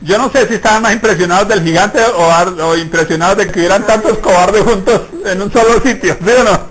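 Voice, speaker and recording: Male preacher, high-pitched, sermon delivery, keeps checking in with rhetorical questions. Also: a little fast, fairly bright tone, poor audio. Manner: asks the congregation rhetorical questions. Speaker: pastor.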